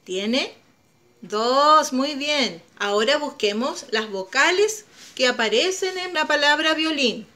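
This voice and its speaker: High-pitched female teacher, slow stretched-out vowel drills, bright encouraging tone for young children. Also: lively intonation. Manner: stretches out each vowel sound slowly. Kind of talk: children's phonics lesson.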